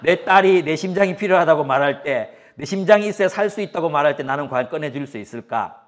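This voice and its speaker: Male pastor, 40s, sermon; animated pitch, emphatic repetitive cadence. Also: fast talker. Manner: emphatic, repetitive preaching cadence with personal anecdotes.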